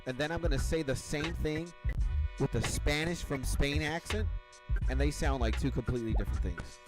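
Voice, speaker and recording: A man's voice: a little high, normal speed. Young venezuelan guy rambling casually over game music, loose slangy talk. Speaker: game streamer. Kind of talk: casual chat while gaming. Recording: game music playing behind. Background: clear background music.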